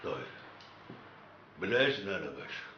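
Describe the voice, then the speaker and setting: An actor playing a gruff, commanding neighborhood boss, with an Egyptian accent and a blunt way of talking. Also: male voice, sits low, big pitch swings, fairly quick, sharp tone, slight background noise, full character voice. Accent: Egyptian Arabic. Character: gruff middle-aged male neighborhood boss. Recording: dull film soundtrack.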